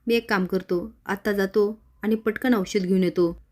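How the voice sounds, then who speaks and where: A woman's voice: mid-range voice, fairly even intonation, moderate pace, darkish tone, close to an everyday voice. An evasive young husband coaxes and apologises to his wife, as a woman storyteller reads his lines. He is soothing but dodgy in this serial recap. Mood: coaxing.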